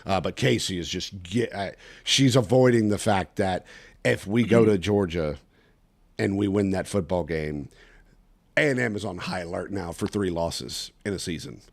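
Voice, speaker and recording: A man hosting a casual sports podcast, animated and ranting with quick asides. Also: low voice. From Texas. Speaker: podcast host.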